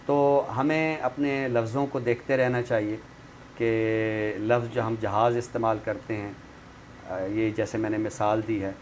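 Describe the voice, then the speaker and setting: Clear background noise runs beneath a lowish, level-toned male voice speaking at a measured pace. The speaker, a Pakistani-accented literary commentator and talk show guest expert, discusses language and literature, illustrating his didactic explanations with examples.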